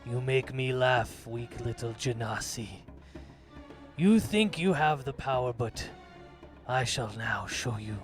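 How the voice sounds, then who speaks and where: A man voicing an arrogant male warlord villain with a booming voice, boasting slowly and grandly in a tabletop game. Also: soft background music. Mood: scornful. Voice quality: slow, loud, grandiose boasting.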